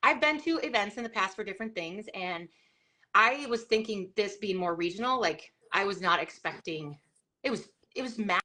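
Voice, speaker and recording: A middle-aged woman hosts a live video chat in a loose, rambling way, stacking fillers and restarting her sentences. Her voice is bright and forceful, pitched at an ordinary height for a woman, and she talks over a video call. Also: expressive, normal speed. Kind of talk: casual live-stream chat.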